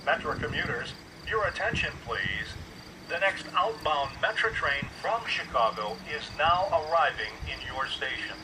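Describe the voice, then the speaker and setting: A man's voice making a measured, formal automated announcement over a station loudspeaker on an outdoor platform. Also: fairly high pitch, sing-song. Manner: measured, formal, evenly paced. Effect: public address loudspeaker announcement. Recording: loud outdoor noise, distant loudspeaker.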